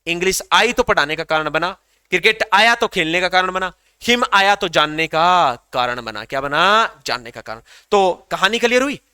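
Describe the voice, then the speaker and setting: A man's voice: high-pitched, lively intonation, normal speed, pushed and bright, clean tone, dry recording, clean studio sound. A man teaching an English grammar class to students, asking questions and repeating the answers back.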